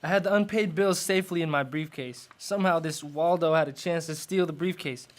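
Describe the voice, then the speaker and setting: A terse, well-off philanderer in a radio detective drama acted by a man. His somewhat high male voice is suspicious and businesslike, the delivery curt. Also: a little fast, natural voice. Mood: guarded, businesslike. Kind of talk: radio noir drama acting.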